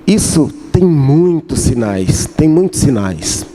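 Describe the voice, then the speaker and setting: Slow, deep-toned man preaching. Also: very animated, dark tone. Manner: slow, repeats key phrases, acts out dialogue with his wife. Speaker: pastor. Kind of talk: sermon.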